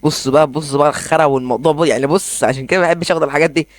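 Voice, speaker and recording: A young man with an Egyptian accent giving excitable, rambling commentary as he plays a game in his bedroom. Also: fairly high pitch, dry recording. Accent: Egyptian Arabic. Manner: excitable, rambling, quick asides. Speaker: gaming YouTuber. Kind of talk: casual gameplay commentary.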